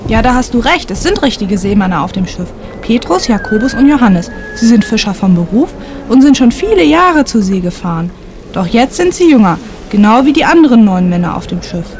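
A woman's voice: a little high, sing-song, fairly quick. A woman playing a patient, knowing storyteller who explains things in a children's radio play. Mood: explaining. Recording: clear storm noise behind narration.

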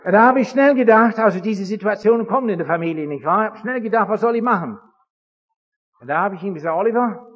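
A man giving a religious lecture to an audience, telling stories with lively acted-out dialogue. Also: high-pitched, fast talker, slight background noise. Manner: animated storytelling that acts out dialogue. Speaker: speaker addressing an audience. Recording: dull, lo-fi recording in an echoing hall.

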